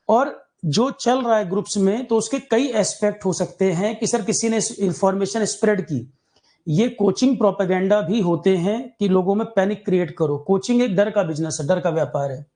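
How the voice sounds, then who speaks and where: Blunt man with a mellow voice. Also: high-pitched. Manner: blunt and direct, rhetorical questions. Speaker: coaching institute teacher. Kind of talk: candid talk to exam aspirants.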